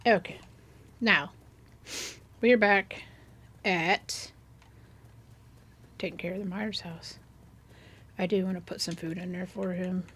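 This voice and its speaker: A woman's voice: lowish voice, steady tone, slow pace, long pauses, a bit bright, slightly rough. A middle-aged woman casually chatting through her gameplay, rambling and sometimes coaxing in-game animals in a sweet sing-song. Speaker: gaming YouTuber.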